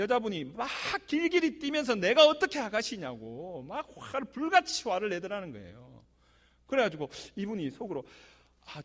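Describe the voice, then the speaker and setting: A man preaching a Korean church sermon, telling stories and addressing the congregation directly. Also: high voice. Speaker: pastor. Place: church sanctuary. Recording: long hall reverb.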